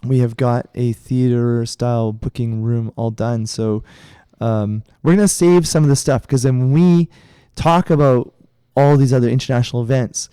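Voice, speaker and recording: Middle-aged male co-host, mellow and dry, rambling casual storyteller. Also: medium pitch, moderate pace, hardly any pauses, clean tone, no echo. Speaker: podcast co-host, karate instructor. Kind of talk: casual chat.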